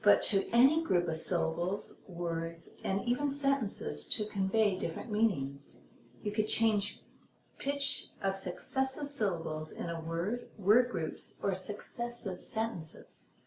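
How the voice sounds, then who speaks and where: A woman hosting a podcast lesson for lectors, reading a scripted lesson in a measured way and voicing example sentences to show intonation. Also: medium pitch, lively intonation, a little mellow. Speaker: podcast host teaching lectors. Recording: echoey room with clear background noise.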